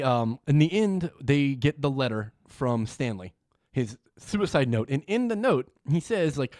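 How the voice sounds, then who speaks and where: Brief: young male co-host, mid-pitched, easygoing and frank, dry close mic. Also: a little mellow, no room sound. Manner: easygoing, laughs often, frank. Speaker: podcast co-host. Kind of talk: casual chat.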